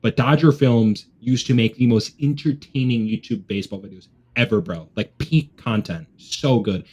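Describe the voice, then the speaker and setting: A man's voice: medium pitch, moderate pace, mellow. A young man hosting a sports watch party, chatting casually like a frat bro with lots of bro and dude. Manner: frat-bro slang, constantly says bro and dude. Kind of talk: casual live stream chat.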